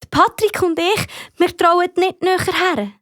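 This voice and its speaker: A woman voicing an anxious, brave little schoolgirl in a high, excited childlike voice with a Swiss German accent. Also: a little slow, no room sound, studio quality. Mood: shaky.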